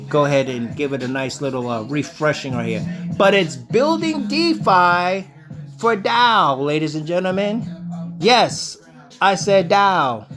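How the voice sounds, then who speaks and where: Self-assured man lecturing on crypto. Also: a little high. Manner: lecturing, repeats "ladies and gentlemen" and "okay?"; self-assured, calls himself the sensei. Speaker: crypto channel host. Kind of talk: screen-share crypto commentary.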